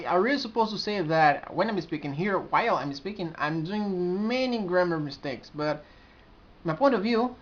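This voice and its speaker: Here a community administrator in his 20s, with a high voice and a strong Brazilian accent, addresses his camera in a sincere, searching casual vlog. He keeps breaking off and starting sentences over, earnest throughout. The sound is muffled and lo-fi, as if from a cheap camera's built-in mic.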